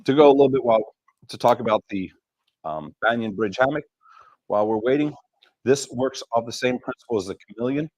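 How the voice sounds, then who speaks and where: A man's voice: medium pitch, brisk, darkish tone, no room sound. A man hosting a live stream for his gear company, casually explaining how a hammock works, with many ums along the way.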